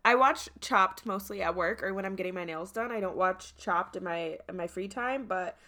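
A woman's voice: medium pitch, normal speed, bright, forceful tone. A young woman co-hosting a casual podcast chat, gushing and emphatic about the shows she loves. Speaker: podcast co-host.

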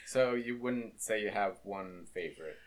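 A man co-hosting a podcast in casual chat, relaxed, with short replies and frequent laughs. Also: lowish voice, unhurried. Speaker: podcast co-host.

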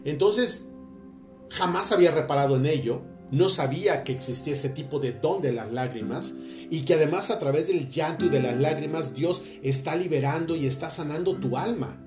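Man, earnest spiritual speaker, higher mellow voice, echoey room, faint guitar behind. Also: normal speed. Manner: earnest, intimate, addresses the listener directly. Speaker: religious speaker. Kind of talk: spiritual talk.

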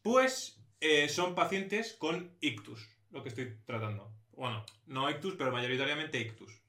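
A man's voice: mid-range voice, lively intonation, moderate pace, pushed and bright, roomy sound. A young man co-hosting a casual podcast chat, joking and rambling as he goes. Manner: jokey, rambling, laughs often. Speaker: podcast co-host.

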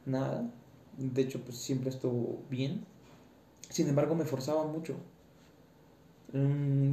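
A man's voice: mid-range voice, dark tone. A young man with a Mexican accent, chatting hesitantly on his own podcast as a singing student, with lots of fillers. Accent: Mexican Spanish. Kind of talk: casual solo podcast talk. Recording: echoey room with faint background noise.

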